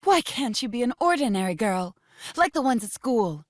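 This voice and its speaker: Voicing a critical, nagging, disapproving mother in a horror audiobook, a woman pitches her voice above her natural range, landing on the high side. She's very animated at a moderate pace, in a dry, studio-quality recording.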